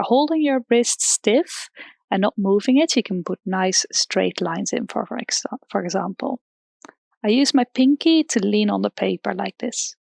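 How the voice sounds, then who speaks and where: A young woman from the Netherlands, who teaches art, breaks down drawing basics step by step with a few fillers. Her medium-pitched voice is creaky with a darkish tone, and there is no room sound, though she's recording in a hairdresser's salon used as a temporary studio.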